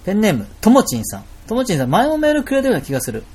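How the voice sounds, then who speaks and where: A young man co-hosting a casual late-night radio chat from a small apartment, fast and laughing through lively banter. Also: high-pitched, a crowd in the background. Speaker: podcast co-host. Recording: music playing under the voices.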